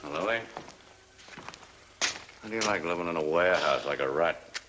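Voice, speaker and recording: Deep-voiced hard-boiled police detective. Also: male voice, animated, normal speed, music in the background. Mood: dryly mocking. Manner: clipped slangy tough talk. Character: hard-boiled male police detective, tough and dryly mocking. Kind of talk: old crime-drama acting.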